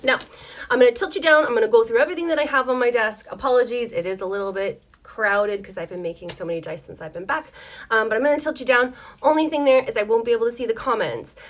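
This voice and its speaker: Her voice is a little high and quick. A dice maker running a relaxed live tutorial from her desk at home, she chats in a meandering, sorry-sounding way full of ums while she loses her voice.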